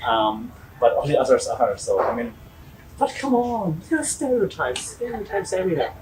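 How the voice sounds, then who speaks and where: A man's voice: fairly high pitch, sing-song, moderate pace, background noise. Rambling German man, far from mic. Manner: chatty, rambling, laughs often. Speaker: podcast host. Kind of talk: casual interview chat.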